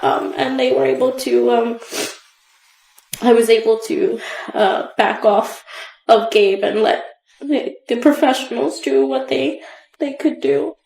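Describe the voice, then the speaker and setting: A shaky, nervous woman giving halting, emotional courtroom testimony as a witness, close to tears. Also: fairly high pitch, gravelly, a little mellow. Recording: echoey courtroom sound.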